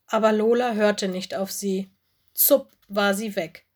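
A woman reading a children's story aloud as narrator, in calm, clear scripted storytelling. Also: mid-range voice, measured pace.

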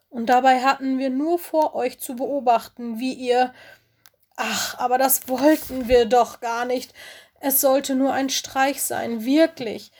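A woman's voice: on the high side, darkish tone. A woman voicing a young male ice wolf, usually cocky, now stammering and sobbing as he pleads.

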